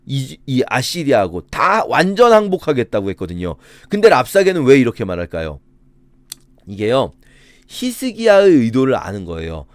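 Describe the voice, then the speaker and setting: A man preaching a sermon as a pastor, telling the story in an animated, dramatic way. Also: mid-range voice, moderate pace, dry recording, studio quality.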